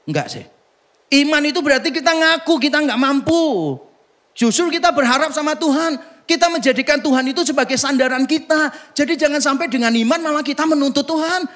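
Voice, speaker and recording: High-voiced joking male pastor. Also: lively intonation, a little fast, fairly bright tone. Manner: humorous, conversational, teasing the congregation; rhetorical questions to the audience. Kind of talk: sermon. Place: church service.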